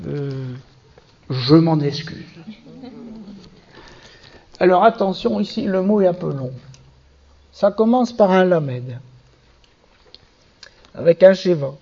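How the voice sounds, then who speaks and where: Slow, patient man teaching a class. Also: high-pitched, lively intonation, darkish tone, muffled recording. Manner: slow, patient, spells out letters one by one. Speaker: Hebrew teacher. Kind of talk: classroom lesson on reading.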